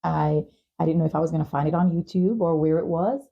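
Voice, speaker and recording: Low-pitched, fast, and gravelly, this woman hosts a talk show and podcast, speaking empathetically in an interview and affirming her guest's points. The recording sounds muffled.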